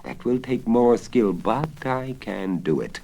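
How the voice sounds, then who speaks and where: A man's voice: mid-range voice, sing-song, slow, vocal fry, dark tone, exaggerated voice. A man voicing a cunning, greedy old wizard in a theatrical, coaxing storybook manner on a crackly vinyl record. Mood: scheming, gleeful. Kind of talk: dramatic storybook reading. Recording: crackly 1970s vinyl spoken-word record.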